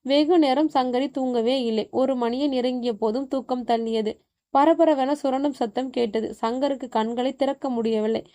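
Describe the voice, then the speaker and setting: Lady reading a spooky story, kinda high but mellow voice, steady pace. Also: moderate pace. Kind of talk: scripted horror story narration.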